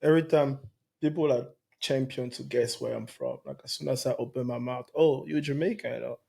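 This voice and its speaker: A man's voice: mid-range voice, steady tone, brisk, vocal fry, mellow. Guest: man from Cameroon, raised in France, laid-back storyteller. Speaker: podcast guest. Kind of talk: casual chat.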